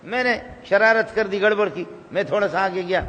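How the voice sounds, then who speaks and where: A man's voice: high voice, a bit bright, muffled recording. A man preaching a sermon, telling stories with humor and repeating phrases for emphasis. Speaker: religious preacher. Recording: reverberant hall with faint background noise.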